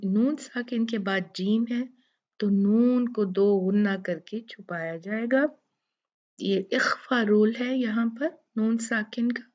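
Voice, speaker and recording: A woman teaching Quran recitation rules, drawing out each word slowly, then explaining it and answering her own questions. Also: medium pitch, lo-fi sound. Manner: drawn-out recitation of words between quick explanations; corrects common student mistakes, asks and answers own questions. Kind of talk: step-by-step recitation lesson.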